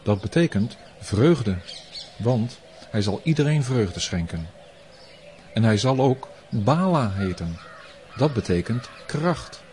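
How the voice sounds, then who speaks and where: A man voicing a solemn, wise old grey-haired priest in a storybook reading, speaking earnestly and in hushed tones. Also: medium pitch, very animated, takes it slowly, a little hiss or hum.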